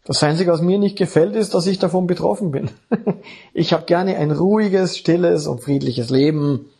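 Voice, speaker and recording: A man's voice: fairly high pitch, normal speed, vocal fry, mellow, breathy edge. A man preaching a sermon with emphasis, often checking in with the congregation. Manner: emphatic, keeps checking in with the audience.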